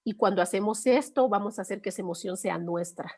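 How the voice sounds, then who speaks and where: A woman's voice: medium pitch, fast talker. A middle-aged woman, an instructor explaining a topic through everyday examples in a patient, conversational way, often checking in with listeners. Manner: patient, conversational, frequent 'eh' and '¿no?'. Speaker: course instructor.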